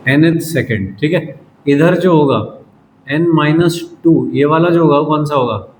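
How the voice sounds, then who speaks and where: A man's voice: fairly high pitch, measured pace. A man teaching a physics class in casual Hindi, quizzing his students and teasing them now and then. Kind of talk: classroom lecture. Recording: echoey room with faint noise.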